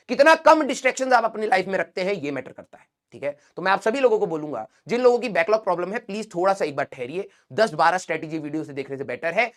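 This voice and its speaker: A man's voice: sits high, fairly bright tone. Earnest male teacher giving student pep talk. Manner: earnest, addresses students as beta, frequent "theek hai?".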